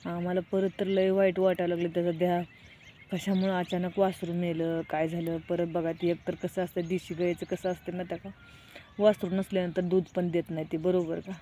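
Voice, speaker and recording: A woman's voice: lowish voice, little pitch movement, brisk, dark tone, slight background noise. A middle-aged woman, telling a story in a casual vlog. She speaks plainly and keeps turning to viewers with "look". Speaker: vlogger.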